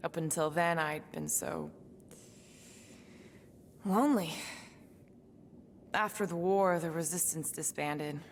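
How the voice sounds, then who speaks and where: Weary and wistful, a female assassin from space in a cinematic video game speaks low with a gravelly fry. She stays guarded and reflective, pausing as she goes, with faint background noise behind her.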